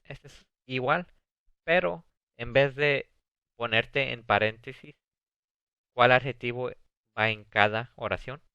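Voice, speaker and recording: A man teaching an ESL video lesson, reading English example sentences slowly and explaining them in Spanish. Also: mid-range voice, pushed and bright, clean tone, no echo. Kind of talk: recorded video lesson on comparative adjectives. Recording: dull, dry lo-fi sound.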